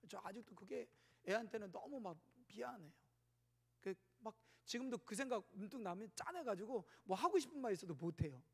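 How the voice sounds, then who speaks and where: Animated Korean pastor in an echoing hall. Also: male voice, high voice. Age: 40s. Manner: animated storytelling with sudden shouts and whispers. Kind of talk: sermon. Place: church sanctuary. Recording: long church hall reverb.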